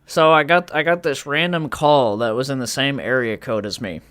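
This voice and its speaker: Rambling man with a smooth voice. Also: medium pitch, normal speed, a bit bright. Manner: rambling, full of fillers and restarts. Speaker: podcast co-host. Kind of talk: casual podcast chat.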